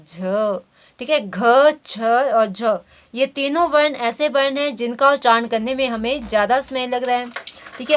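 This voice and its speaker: A woman's voice: on the high side, fairly bright tone. A woman teaching grammar, walking through quiz questions and repeating "theek hai" as she explains. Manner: says "theek hai" constantly, reads options slowly.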